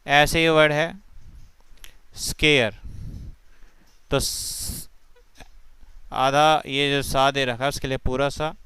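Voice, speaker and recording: Slow, patient Hindi-accented phonics teacher. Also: male voice, mid-range voice, flat delivery, sharp tone, clear, resonant tone, no echo. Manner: slow, patient, sounds out letters one by one. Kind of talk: spelling lesson explained step by step.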